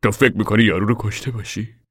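A man's voice: lowish voice, steady tone, fairly bright tone, breathy edge, no room sound, studio quality. An actor playing the worried father of a poor family, asking plain questions.

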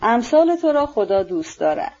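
A rough, passionate young merchant, read by a woman in an audiobook, blunt and given to threats. The voice is dark and mellow, with a dull, lo-fi sound to the recording. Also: on the high side, very animated. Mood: intense.

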